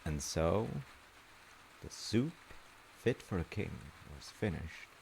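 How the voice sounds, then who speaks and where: In this audio roleplay, a male voice actor takes the part of a gentle, thoughtful dad sharing a folktale with his child, in intimate, improvised-sounding bedtime storytelling and chat. His low, creaky voice is expressive yet measured and reflective, pausing as he explains. Faint ambient noise sits behind a low-quality recording.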